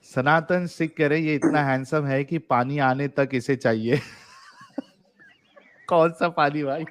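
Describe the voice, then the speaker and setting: The male host of a livestream debate show speaks slowly in a slightly high voice with fairly even intonation. He laughs a lot while reading viewer messages in a casual, joking manner, and the recording is dry.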